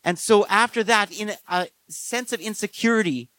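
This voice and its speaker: Man preaching, fairly high voice, dry close sound, earnest, slows for emphasis. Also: pushed and bright, no room sound. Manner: earnest, measured delivery with slow emphatic phrases and frequent fillers. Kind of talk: sermon.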